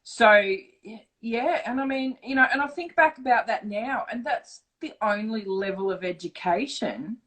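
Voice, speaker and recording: A middle-aged Australian woman telling her story in a casual interview, frank and swearing freely, lively when she acts out dialogue. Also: a little high, measured pace, rough recording. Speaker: interview guest.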